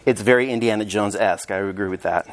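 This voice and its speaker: A man presenting a hands-on teacher training workshop, upbeat and energetic as he demonstrates to a room of teachers. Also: fairly low pitch, fast. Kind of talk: live teacher training session. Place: conference room with audience.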